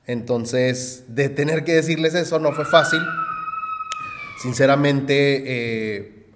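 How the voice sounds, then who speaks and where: A man, preaching a sermon in a conversational way, often adding "¿verdad?" and pausing on fillers. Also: medium pitch, long reverb tail, a little hiss or hum. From Mexico. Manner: conversational, frequent "¿verdad?" tags and hesitations. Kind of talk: sermon with personal story.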